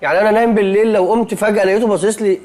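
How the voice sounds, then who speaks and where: An actor playing a fussy, anxious young man in a TV comedy, speaking with an Egyptian accent and quick to protest. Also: high voice, fairly even intonation, darkish tone, lightly acted. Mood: jittery. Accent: Egyptian Arabic. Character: jittery, fussy young man sharing a hotel room. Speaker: sitcom character. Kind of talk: TV comedy acting.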